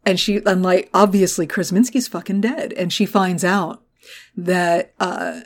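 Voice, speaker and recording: A woman's voice: lowish voice, steady tone, measured pace. A woman co-hosting a podcast, recapping an episode in casual chat, swearing freely and acting out characters' lines. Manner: swears freely, acts out quotes. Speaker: podcast co-host.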